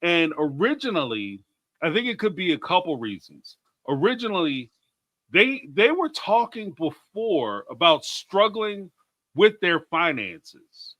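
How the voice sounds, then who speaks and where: A man talking in a casual live stream, his voice bright and somewhat high with lively swings in pitch. He cracks jokes and reads viewer messages aloud. The sound is close and dry. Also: unhurried, no room sound. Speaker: co-host of a reality TV discussion stream.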